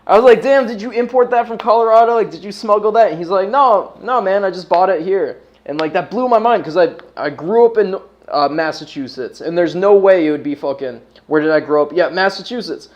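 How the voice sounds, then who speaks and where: The American host's voice is high and a bit fast, with the recording's highs cut off. He chats casually on his livestream in a chill stoner style, full of slang and free-flowing profanity.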